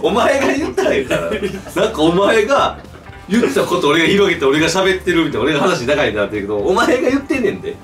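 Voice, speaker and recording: A young man with a Kansai accent, co-hosting a YouTube chat show and teasing his friends in quick banter. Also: high-pitched, big pitch swings. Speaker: YouTube channel co-host. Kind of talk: casual chat. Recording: roomy, mic at a distance, music behind.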